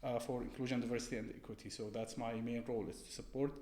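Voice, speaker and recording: A man, speaking as a guest on an interview podcast in a polite, steady and methodical way. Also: mid-range voice, fast talker. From Syria. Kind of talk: conversational interview. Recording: roomy echo.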